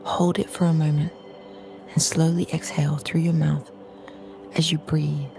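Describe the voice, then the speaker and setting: A woman leads a calm grounding meditation as a guide, speaking slowly and soothingly in short, measured phrases with a soft, breathy, half-whispered voice. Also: low voice.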